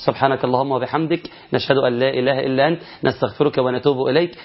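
A man with an Egyptian Arabic accent teaching Quran recitation rules in a recorded lesson, explaining step by step with rhetorical questions and slowing down to chant example verses. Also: mid-range voice, fairly even intonation, lo-fi sound.

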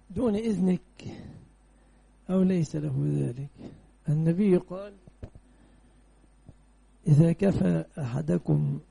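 Egyptian male sheikh, very gravelly and husky, conversational lecturer who quizzes students. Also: on the high side, warm tone. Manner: conversational, mixes colloquial and classical speech. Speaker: sheikh teaching a hadith class.

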